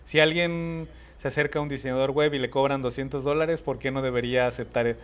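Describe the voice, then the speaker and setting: A man's voice: medium pitch, fairly even intonation, fairly quick, clear, resonant tone. A man hosting a podcast interview, asking questions casually and often turning to speak to the listeners directly. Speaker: podcast host.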